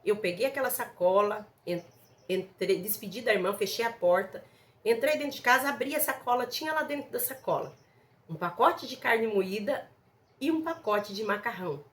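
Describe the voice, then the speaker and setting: Woman sharing a faith testimony, high-pitched voice, earnest, speaks to brothers and sisters. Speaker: church member giving testimony. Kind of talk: religious testimony.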